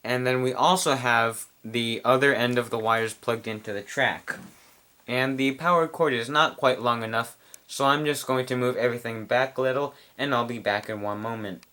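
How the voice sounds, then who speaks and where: A man casually explaining how to set up a model train address changer, chewing gum as he talks in a quiet room. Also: medium pitch, fairly even intonation, moderate pace. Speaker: model train hobbyist reviewer. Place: quiet room at home with model track on a table.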